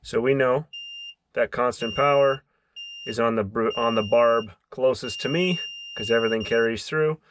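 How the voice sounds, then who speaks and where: A man with a mid-range voice speaks at a normal speed against background noise. He hosts a DIY car electronics video, narrating the hands-on tutorial step by step and thinking aloud as he works.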